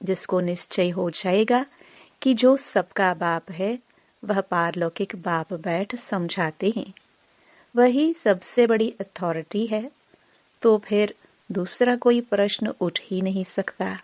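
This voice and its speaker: A woman reading a devotional discourse aloud in a slow, measured recitation. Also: mid-range voice, a little mellow, no room sound. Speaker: murli reader. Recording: dry, dull lo-fi voice recording.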